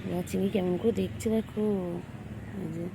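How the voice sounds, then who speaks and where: A woman's voice: medium pitch, fairly even intonation, fairly quick, gravelly, noisy background. A woman filming her cats outdoors on a phone and cooing to them in sing-song baby talk. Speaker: pet vlogger. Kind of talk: casual vlog, cooing to cats.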